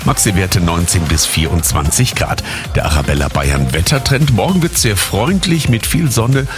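A man's voice: deep voice, expressive, normal speed, music in the background. A man presenting a radio weather forecast in a casual, conversational way.

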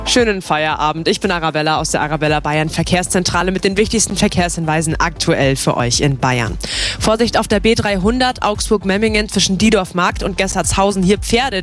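A woman reading the traffic report on the radio, brisk and friendly, speaking straight to listeners. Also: lowish voice.

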